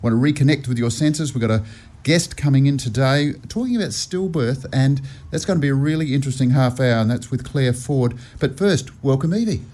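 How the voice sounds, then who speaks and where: Husky Australian man hosting radio. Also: mid-range voice, a little fast, darkish tone. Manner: laughs often, chatty and opinionated. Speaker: radio host. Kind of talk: casual radio chat.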